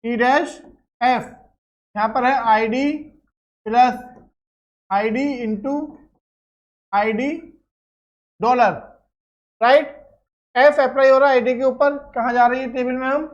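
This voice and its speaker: High-voiced woman teaching a lecture. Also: fairly even intonation, slow pace, long pauses, dull audio. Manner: explains step by step, checks with "clear?". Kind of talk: classroom lecture.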